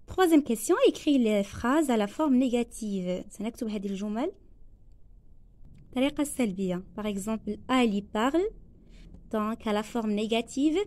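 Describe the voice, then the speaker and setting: A woman teacher with a Moroccan accent, going slowly through a worksheet lesson, repeating each phrase and translating it into Arabic. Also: fairly high pitch, darkish tone, no room sound. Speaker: primary school teacher.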